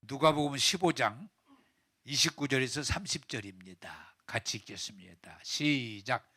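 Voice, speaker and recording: Animated, bright-voiced pastor preaching. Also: male voice, mid-range voice, moderate pace, husky. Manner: animated storytelling, acting out the characters. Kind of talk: sermon.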